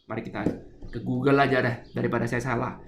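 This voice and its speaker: A man's voice: medium pitch, little pitch movement, fast, reverberant, background noise. A middle-aged man giving a spiritual lecture, explaining a poem line by line and having listeners repeat words. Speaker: spiritual teacher.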